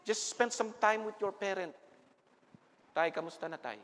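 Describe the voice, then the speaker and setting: A man, a pastor preaching a sermon with animated storytelling in a church. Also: high voice, moderate pace. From Philippines. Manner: mixes English and Tagalog, animated storytelling. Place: church sanctuary. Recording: reverberant church hall.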